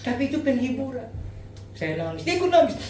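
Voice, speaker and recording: A man's voice: very high-pitched, very animated, brisk, a little mellow, a little hiss or hum. A middle-aged male pastor delivers a sermon full of personal stories and emphatic calls to the congregation. His voice carries through a roomy, echoing hall, picked up from a distance with faint ambience behind. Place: church hall.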